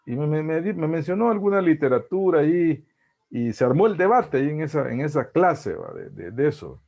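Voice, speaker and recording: A man with a Salvadoran accent giving an online psychology lecture, halting and repeating words, often ending phrases with a questioning tag. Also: on the high side, very animated, gravelly. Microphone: video call. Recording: dull lo-fi video call audio.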